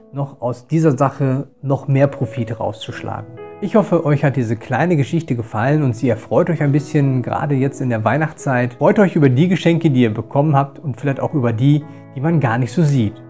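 Man calmly reading a story aloud. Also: medium pitch.

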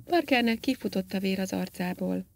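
A woman narrating an audiobook in a steady, even reading voice. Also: mid-range voice, gravelly, no echo. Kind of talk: scripted narration.

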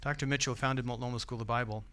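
A man's voice: medium pitch, fairly even intonation, rapid-fire, pushed and bright. A man with an American accent preaching a sermon in a church, conversational and often asking the congregation questions. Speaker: pastor.

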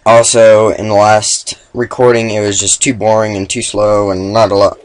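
A young man with the hiccups giving casual gameplay commentary, mumbling asides and then yelling and swearing when things go wrong. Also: fairly low pitch, level tone, moderate pace, poor audio. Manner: swings from mumbled asides to sudden swearing shouts. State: has the hiccups.

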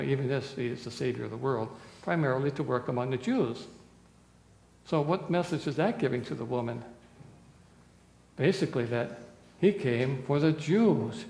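A man in his sixties, a pastor preaching a sermon, dramatic, swinging between loud pleading and hushed quiet lines, recorded from a distance in a small church. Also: mid-range voice, slight background noise. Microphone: far camera. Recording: echoey church hall, roomy reverb.

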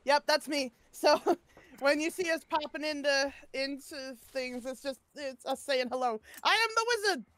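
High-voiced giggly woman co-streamer. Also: level tone, measured pace. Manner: giggly, teasing banter. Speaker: streamer co-host. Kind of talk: casual live gaming chat.

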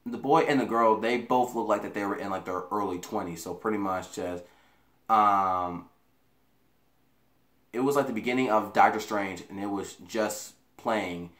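Recorded on a camera mic a few feet away in an echoey little bedroom, a young American man tells a rambling story to camera. He curses often and repeats himself, speaking at a normal speed in a lowish, slightly bright voice.

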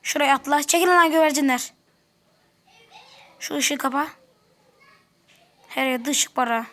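A woman's voice: high-pitched, measured pace, bright, forceful tone. A woman giving casual let's-play commentary, chatty, grumbling and talking to the characters on screen. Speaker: gameplay commentator.

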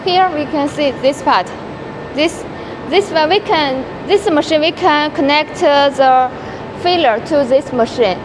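A young woman in her twenties presenting a welding machine, talking haltingly with many restarts. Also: high voice. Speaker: product presenter. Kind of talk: product demonstration in English. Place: large factory workshop. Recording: noisy factory floor.

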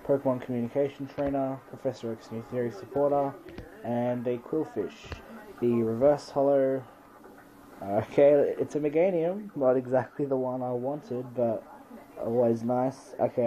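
A man's voice: mid-range voice, warm tone, lo-fi sound. A man casually commenting as he hosts an unscripted unboxing video, listing items one by one in a matter-of-fact way. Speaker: trading card pack-opening video host. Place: bedroom, indoors.

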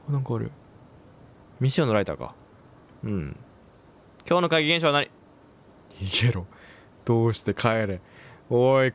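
Man with a wildly swinging pitch. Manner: reactive, talks to himself, quips and exclaims. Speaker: game commentator. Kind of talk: let's play commentary.

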